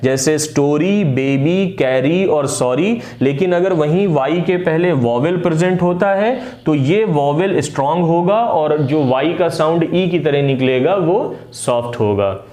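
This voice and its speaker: A man gives an English phonics lesson, his voice sitting fairly high for a man. He talks patiently and pauses often with "uh" fillers. The recording has a noticeable echo from the room. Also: darkish tone. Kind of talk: explaining lesson.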